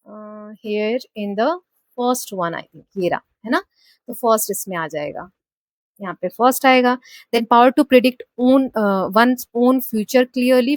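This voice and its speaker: A woman teacher with an Indian English accent talks students through a textbook lesson. Her voice sits a little high, and she reads the English lines slowly before explaining them. The sound is close and dry, with no room echo. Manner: checks in with "है ना?".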